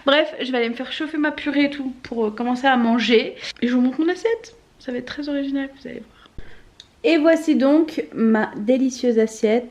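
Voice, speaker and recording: Woman, vlogger, high-pitched voice, casual chat to camera. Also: mellow, highs cut off.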